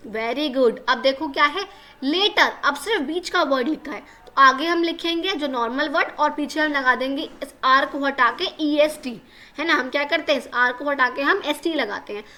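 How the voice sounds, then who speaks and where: A high, bright-voiced woman teaches a lesson to children. She speaks, patiently repeats every point and keeps asking her pupils whether they understood. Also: normal speed. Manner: patient, repeats each point, asks the class questions.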